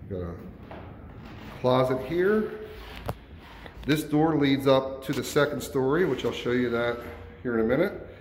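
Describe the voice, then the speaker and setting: Speaking at a medium pitch, a little slowly and with frequent pauses, a male real estate agent gives a casual walkthrough of an empty house. His manner is relaxed and informal, with small self-corrections, and the handheld phone recording carries echo from the bare rooms plus faint background noise.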